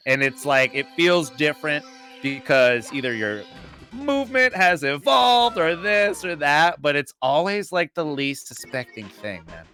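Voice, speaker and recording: Young male caster, relaxed and slangy, bright tone, unhurried delivery. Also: a little high, soft background music. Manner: laid-back, slangy, rambling. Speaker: speedrun commentator. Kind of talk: casual live game commentary.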